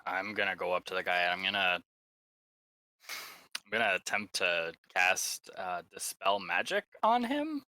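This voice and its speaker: A male tabletop player who stammers and hesitates before acting. His voice is low but bright and forceful, recorded dry. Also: very animated, unhurried, no echo. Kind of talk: casual tabletop game play.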